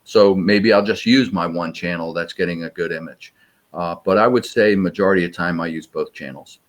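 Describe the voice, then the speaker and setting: A man with a fairly low voice explains search techniques step by step. He talks in a practical, measured way, like an instructor answering questions. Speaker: sonar search trainer. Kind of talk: interview answers.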